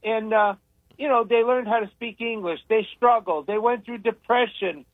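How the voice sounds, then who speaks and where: Older male radio host, high-pitched voice, opinionated rambler, thin phone-line sound. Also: normal speed, dry recording. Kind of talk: casual radio talk.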